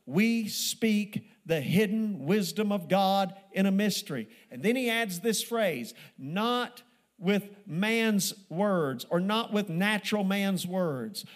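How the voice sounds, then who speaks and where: A man with a notably high-pitched voice preaching a sermon in a church. He drives his points home with repeated phrases. He slows to a crawl to stress the key words of scripture. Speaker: pastor. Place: church sanctuary.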